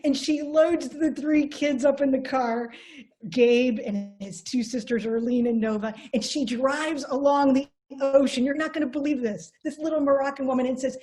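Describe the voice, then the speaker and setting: A middle-aged woman presenting an online seminar on a video call, energetic and storytelling, with frequent restarts. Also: high-pitched, moderate pace.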